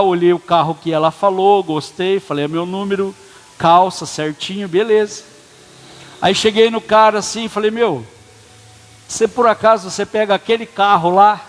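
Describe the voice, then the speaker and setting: A man preaching as a pastor, telling a personal story in a casual, conversational way and acting out the dialogue. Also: sits high. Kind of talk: sermon storytelling. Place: church hall. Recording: long church reverb.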